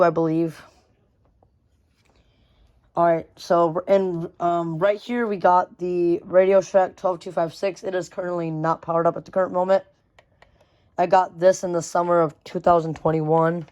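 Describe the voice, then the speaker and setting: With a mid-range, somewhat dark voice, a young hobby vlogger does a casual, unscripted show-and-tell of a weather radio collection. The phrasing is slangy and repetitive, with some mild swearing.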